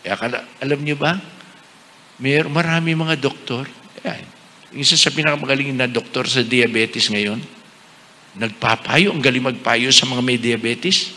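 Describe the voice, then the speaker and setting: A man preaching as a bishop. He asks the congregation rhetorical questions in an animated way. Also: mid-range voice, normal speed. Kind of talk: sermon. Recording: echoey hall, faint noise.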